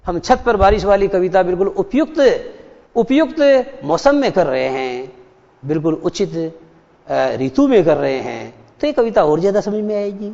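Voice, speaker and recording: A man teaches a class, stopping often to quiz his students and repeat key points. His voice sits high. The recording is muffled and rings with a long reverb. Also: big pitch swings, moderate pace, gravelly, dark tone. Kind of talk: classroom lecture. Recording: dull echoey hall.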